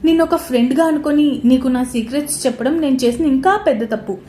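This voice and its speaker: A woman voicing an angry young man in a romance story, loud and reproachful. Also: a little high, brisk, a little hiss or hum, natural voice. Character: young man, lover, quick to anger. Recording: roomy echoey recording.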